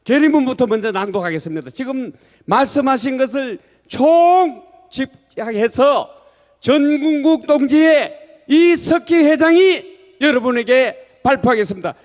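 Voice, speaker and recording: A man's voice: very high-pitched, lively intonation, unhurried. A man acts as master of ceremonies, making formal announcements and instructions to an assembly. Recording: echoey hall PA with long reverb.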